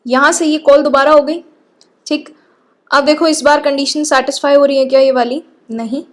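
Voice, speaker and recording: A woman with a high voice gives a coding lecture. She walks through each step patiently and keeps checking that her listeners follow along. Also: steady tone, normal speed. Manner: explains patiently, often checks in with "ठीक है". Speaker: programming teacher.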